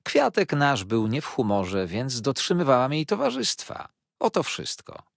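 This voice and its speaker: A stern but kindly old aunt, voiced by a male reader, measured and gently firm as she counsels her nephew. The voice is husky with a dry, close sound, and its pitch moves a lot, as in a read-aloud storybook. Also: wildly swooping pitch, no echo, full character voice. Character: older aunt, stern yet kindly, eccentric. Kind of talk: audiobook character voice.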